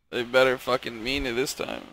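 A man's voice: medium pitch, a bit bright, a little hiss or hum. A man role-playing a police officer in a game, joking around, swearing freely and laughing often. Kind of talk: casual role-play banter.

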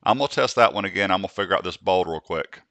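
A man hosting a screen-recorded software tutorial, speaking slowly and deliberately so he can demonstrate dictation commands. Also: low-pitched, dry recording, lo-fi sound.

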